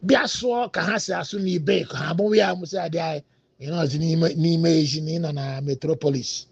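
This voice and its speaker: A man with a fairly high, slightly rough voice talks fast, his Nigerian Igbo accent marking him as a native Igbo speaker. He rambles casually, hopping between English and Igbo with plenty of hesitant fillers. The recording is dry, dull and lo-fi.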